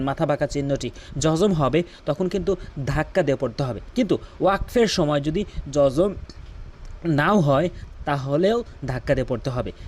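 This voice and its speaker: A man teaching Quran pronunciation rules, repeating examples slowly and patiently, with a Bangladeshi Bengali accent. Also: fairly high pitch, a little mellow, a little hiss or hum. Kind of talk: tajweed pronunciation lesson.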